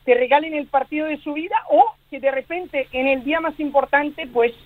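Italian-accented man, high voice, phoning in as a guest, thoughtful and hedging, over a tinny line. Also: steady tone, a little fast, crowd noise. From Italy. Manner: thoughtful, hedging, many restarts. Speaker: guest author. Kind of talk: casual radio interview. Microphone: phone line.

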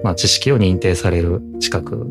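Low-voiced man with an Osaka accent. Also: normal speed, vocal fry. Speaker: star cafe owner, interview guest. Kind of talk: conversational interview answers. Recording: music playing behind the voice.

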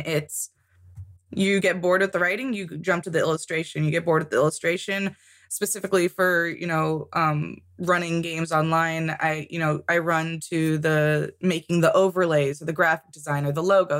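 A woman's voice: lowish voice, moderate pace, fairly bright tone. A woman guest in a casual interview, talking about tabletop games, chatty with frequent laughs and ums. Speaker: podcast guest, tabletop game author.

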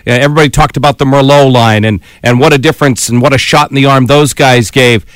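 Male sports radio host, mid pitch, dry studio mic, steady delivery. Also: quick pace, no echo.

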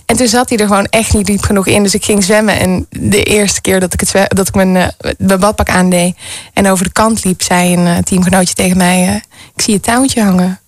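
A woman guest candidly telling a personal story in casual conversation, often pausing on fillers. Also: mid-range voice, steady tone, no echo. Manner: candid, frequent fillers and restarts.

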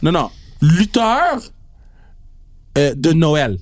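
A man's voice: fairly high pitch, big pitch swings, drawn-out words. A man with a Quebec French accent, co-hosting a podcast in playful, casual chat. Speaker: podcast co-host.

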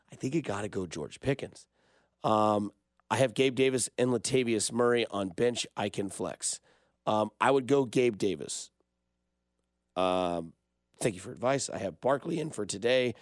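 A man hosting a fantasy football advice show on sports radio, animated and opinionated as he chats with listeners. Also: medium pitch, no echo. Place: radio studio.

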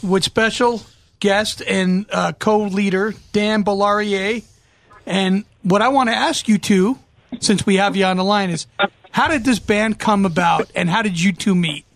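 A radio host introducing a band and asking a relaxed, friendly question. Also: medium pitch, unhurried, dry recording. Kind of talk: radio interview. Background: guitar music.

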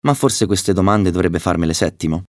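Wise owl healer in a storybook, low and calm, dry close sound; male reader doing the voice. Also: brisk, no echo, close to an everyday voice. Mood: calm, explaining. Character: wise grown-up female owl doctor, calm. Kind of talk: children's story reading.

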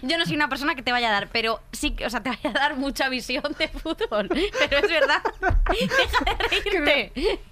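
A woman hosting a casual podcast, animated and jokey, using crude slang. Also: high-pitched, moderate pace. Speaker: podcast host.

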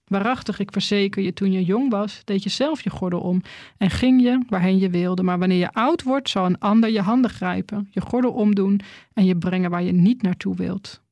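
A woman's voice: mid-range voice, normal speed, darkish tone, no echo. Woman preaching a sermon, dry close sound. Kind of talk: sermon with scripture reading.

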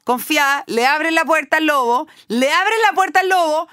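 A woman's voice: high-pitched, expressive, normal speed, pushed and bright, no room sound, clean studio sound. A young woman with a Chilean accent hosting a podcast, retelling a fairy tale with irreverent, swearing asides. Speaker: podcast host. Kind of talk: comic storytelling chat.

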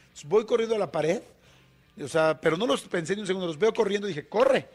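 A man with a Mexican Spanish accent, a radio guest telling a story in a colloquial, animated way with many fillers. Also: sits high, fast talker.

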